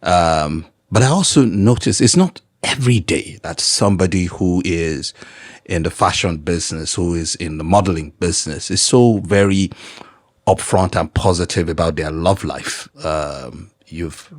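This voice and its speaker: A man hosting a podcast interview, measured and murmuring agreement as his guest talks. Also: low voice, dry recording, clean studio sound. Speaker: podcast host. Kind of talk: casual interview.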